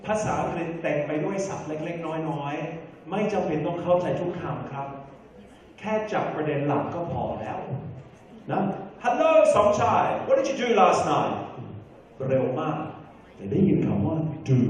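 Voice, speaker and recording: A man giving a lively, jokey stage talk to an audience, mixing in English phrases. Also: on the high side. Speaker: guest speaker giving tips. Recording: echoey hall from far off.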